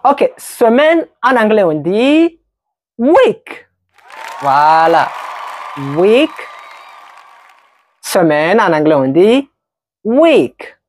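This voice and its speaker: A woman's voice: mid-range voice, big pitch swings, darkish tone, no room sound, a faint crowd. Woman teacher, patient quiz delivery, dry close sound. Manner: slow, patient, repeats words for learners. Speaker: English teacher. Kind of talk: slow vocabulary quiz lesson.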